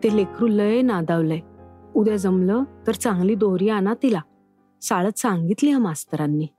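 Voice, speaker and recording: A woman voicing a devoted village wife who pleads softly with her husband in a storybook reading. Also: medium pitch, animated, normal speed, faint music behind, lightly acted. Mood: pleading. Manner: pleading, soft.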